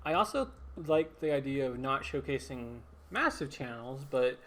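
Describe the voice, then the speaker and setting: A man's voice: mid-range voice, lively intonation, moderate pace, fairly bright tone. Rambling, self-correcting male podcast host. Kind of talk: casual solo podcast talk.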